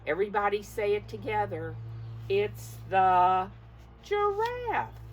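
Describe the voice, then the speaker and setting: A preschool teacher with a mid-range voice takes her time reading a picture book to young children, expressive and coaxing and often questioning them directly. There is slight background noise.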